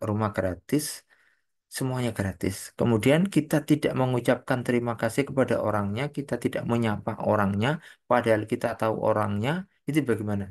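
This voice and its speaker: A man's voice: on the low side, darkish tone. A man giving an online Quran commentary lesson, explaining patiently, asking rhetorical questions and reciting Arabic phrases. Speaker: Quran tafsir teacher. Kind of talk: online religious lecture. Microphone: online lecture mic.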